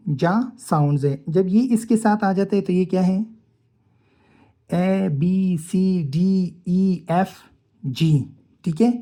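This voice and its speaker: A woman's voice: fairly low pitch, warm tone. A woman teaching a phonetics lesson, explaining step by step and answering her own questions.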